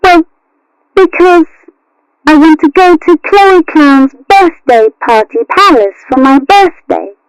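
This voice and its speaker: A woman voicing a sweet, wistful teenage girl kitten in a cartoon, with a raspy, childlike voice. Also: high-pitched, expressive, takes it slowly, dry recording, heavily acted, low-quality recording. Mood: pleading, wistful. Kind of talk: cartoon character acting.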